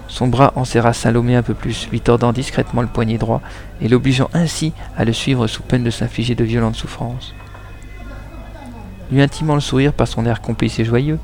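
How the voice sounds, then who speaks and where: A man narrating a noir detective audiobook in a steady, measured way. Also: mid-range voice, vocal fry. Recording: reading with music behind. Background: background music.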